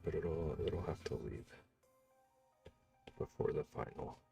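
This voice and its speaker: A deep, gravelly-voiced man talks slowly and casually while he draws on a live stream. He mutters and hums to himself between remarks, close to a desk mic. Soft music plays faintly behind him. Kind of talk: casual chat while drawing. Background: faint background music.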